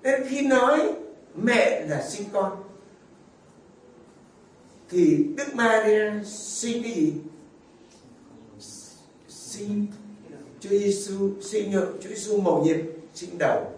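Captured at a distance in a highly reverberant church, a priest gives a homily in a high, expressive voice, slowly and with long pauses. A faint ambience and slight background noise sit underneath. Along the way he asks his listeners rhetorical questions.

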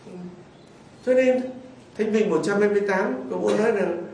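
In a sermon heard from far off in an echoey church, the priest speaks at normal speed with a high-sitting, gravelly, slightly mellow voice. He tells stories folksily and asks rhetorical questions, and slight background noise is audible.

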